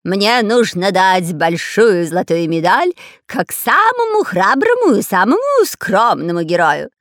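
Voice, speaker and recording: A woman's voice: mid-range voice, very animated, measured pace, fairly bright tone, no echo, studio quality. A woman reading a storybook aloud and voicing a cowardly, whining male pirate spy who panics and stammers. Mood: boastful. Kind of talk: audiobook character voice.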